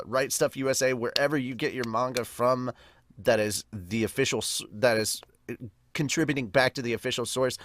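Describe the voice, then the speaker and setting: With a slightly bright mid-range voice, this male podcast host rambles through an excited, casual live review like a true fan. The recording is dry and studio-clean.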